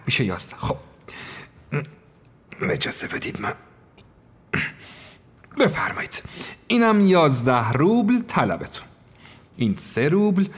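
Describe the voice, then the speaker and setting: A pedantic employer, voiced by a man, tallies sums aloud and scolds in a mid-pitched voice. He lectures with a stiff, fussy edge. The audio drama carries a long reverb. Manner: lecturing, counting aloud, rising indignation.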